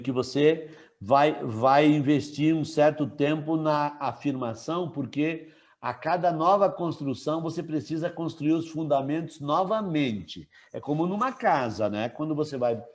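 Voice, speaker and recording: A man teaching a live online class, relaxed and chatty, asking students questions and joking with them. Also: fairly high pitch, normal speed, few pauses.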